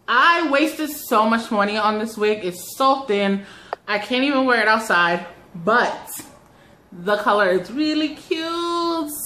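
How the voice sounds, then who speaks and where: A woman's voice: a little high, pushed and bright. A young woman chatting casually in a gushing, slangy, self-deprecating way, recorded on a phone in a living room. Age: young adult. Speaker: vlogger. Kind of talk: casual chatty unboxing vlog. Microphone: phone on a selfie stick, sometimes set back at a distance. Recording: roomy living room, background noise.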